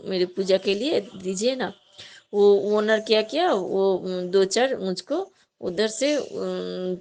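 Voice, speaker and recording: Woman recounting a devotional testimony, lots of ums, earnest and grateful, mid-pitched voice. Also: darkish tone. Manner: hesitant, many fillers, earnest and thankful. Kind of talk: devotional testimony addressed to a guru.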